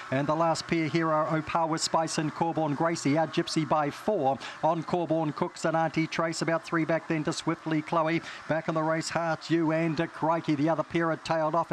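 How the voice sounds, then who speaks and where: A male greyhound race caller with a New Zealand accent gives live commentary in a high, flat-toned voice. He reels off the runners in clipped phrases, with faint track noise behind him.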